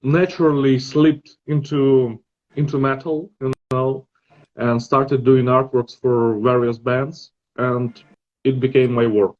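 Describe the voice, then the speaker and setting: A man with a Belarusian accent talks slowly and haltingly, reaching for English words as a podcast guest. His voice sits in an ordinary middle register. The sound is dull and lo-fi. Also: medium pitch, steady tone. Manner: hesitant, searching for words. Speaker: guest artist. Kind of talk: casual podcast chat.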